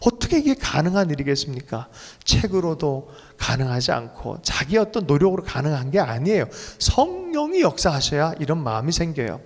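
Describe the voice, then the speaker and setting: A man preaching as pastor of a church, emotional and leaping to sudden high bursts. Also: big pitch swings, normal speed, hardly any pauses. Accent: Korean. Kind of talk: sermon. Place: church sanctuary. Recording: long reverb of a church hall.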